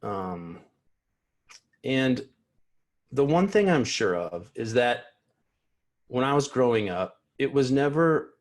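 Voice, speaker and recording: This is a man in his thirties giving a personal keynote at an online convention, speaking from a small home room over a video call with an earphone mic. His voice is mid-range and very animated, yet slow, earnest and reflective, and he stutters with repeated sounds, blocks and frequent restarts.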